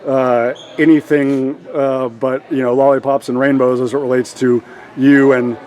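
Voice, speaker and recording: A man conducting a sports interview, piling up praise and stumbling through long, winding questions. His pitch sits in the middle range. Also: level tone, normal speed, a little mellow. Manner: rambling, many fillers and restarts, effusive. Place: gym after a game.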